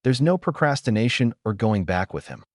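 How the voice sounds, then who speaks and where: A man voicing a kindly old grandfather who talks in a gentle, reassuring way in a storybook reading. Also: medium pitch, big pitch swings, brisk, no echo, clean studio sound, lightly acted. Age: older.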